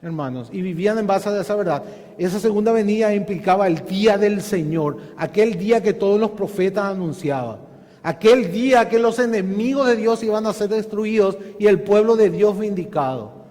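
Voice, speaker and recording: A man's voice: high voice, animated, normal speed, a little mellow, big-room sound. A man pastor giving an earnest Bible study sermon, asking his listeners questions and calling them brothers. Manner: earnest preaching with rhetorical questions, repeatedly addressing "hermanos". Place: church hall.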